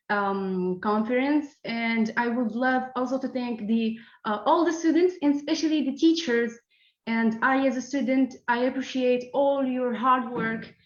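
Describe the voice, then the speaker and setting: A woman student giving halting thanks at the end of an online webinar, with many fillers and restarts. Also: a little high. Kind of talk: online meeting remarks. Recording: echoey, dull call audio.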